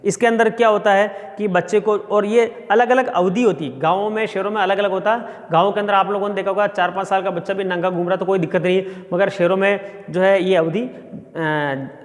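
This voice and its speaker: A man's voice: high-pitched, fairly even intonation, a little fast. A middle-aged male sociology professor giving a classroom lecture and explaining step by step with everyday examples. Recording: long reverb.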